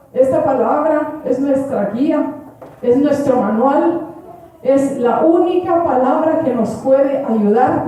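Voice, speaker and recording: High-voiced woman testifying in an echoey church. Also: dark tone. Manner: earnest, prays aloud and addresses the congregation as brothers. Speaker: church member giving testimony. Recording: echoey church hall from far off.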